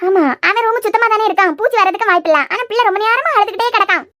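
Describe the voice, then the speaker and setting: A woman's voice: very high voice, racing, bright, forceful tone. Woman voicing a nagging Kanyakumari grandmother. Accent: Kanyakumari Tamil. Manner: scolding, nagging. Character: bossy old grandmother, sharp-tongued mother-in-law. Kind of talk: cartoon serial voice acting.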